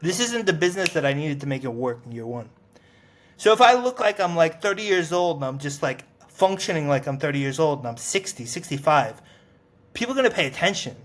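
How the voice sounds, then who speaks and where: A man in his forties co-hosts a casual podcast chat, his voice a little high, very animated, and brisk. He talks emphatically, dropping lots of "like" and some swearing.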